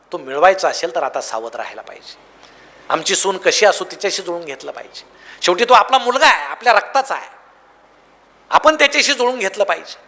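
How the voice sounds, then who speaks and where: High bright guy doing a motivational talk in a big echoey hall, acts out the stories. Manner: tells anecdotes, acts out dialogue. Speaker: motivational speaker. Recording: long hall reverb.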